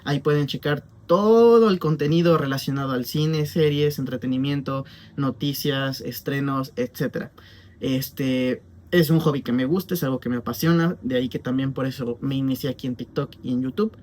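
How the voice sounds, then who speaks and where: A man's voice: mid-range voice, normal speed, a little mellow. A young Mexican man with a Mexican Spanish accent, reviewing a film in a chatty, rambling way full of fillers. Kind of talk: casual spoken film review.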